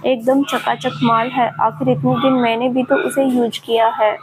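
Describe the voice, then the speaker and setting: A woman's voice: a little high, level tone, normal speed, over music, close to an everyday voice. A woman voicing a taunting, leering male villain who has escaped from an asylum, in her own narrating voice. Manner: mocking and leering.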